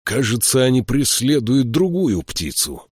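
A man reading the lines of a gruff, suspicious soldier in an audiobook. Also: medium pitch, big pitch swings, unhurried, no room sound, clean studio sound, voice pushed up. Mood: urgent.

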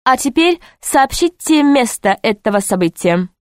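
A woman reading the part of a serious grown man who guides visitors, speaking slowly and earnestly. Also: high-pitched, very animated, no room sound, clean studio sound, pitched above the performer's own voice. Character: serious adult man, a time-travel institute guide.

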